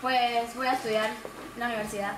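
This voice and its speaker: Young Andean-accented Venezuelan woman in the crowd, very high voice, distant and echoey. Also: flat delivery, brisk. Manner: casual, chatty answers. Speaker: audience member. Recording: distant audience voice, echoey theater, loud noise.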